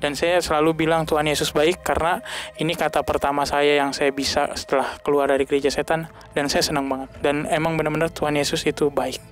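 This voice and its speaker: A young man giving an earnest, halting personal testimony as a podcast guest. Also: little pitch movement, soft background music. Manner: earnest, halting, pitch rising when emotional.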